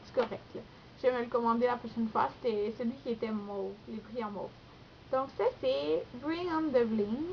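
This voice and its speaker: A woman's voice: fairly high pitch, moderate pace, creaky, dull audio, a little hiss or hum. A young woman with a Québécois accent chatting through a nail polish haul, rambling with lots of fillers and self-corrections. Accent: Québécois French. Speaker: beauty vlogger.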